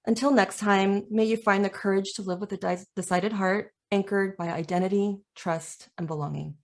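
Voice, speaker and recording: A woman co-hosting a podcast interview, speaking gently and hesitantly, searching for her words. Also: medium pitch, level tone, brisk. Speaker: podcast co-host. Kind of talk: conversational interview.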